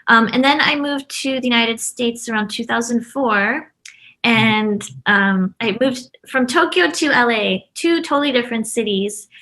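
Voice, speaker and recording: On a low-quality recording, a woman with a high-ish, bright, pushed voice talks unhurriedly. She grew up in Brazil, the US and Japan, co-owns a stationery shop, and is a chatty, informal interview guest who laughs easily in this casual conversation.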